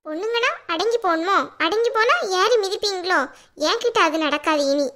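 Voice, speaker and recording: A woman's voice: extremely high pitch, a little fast, pushed and bright. A woman voicing a young wife in a cartoon who has grown fierce and talks back sharply and sarcastically. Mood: defiant. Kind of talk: cartoon voice acting.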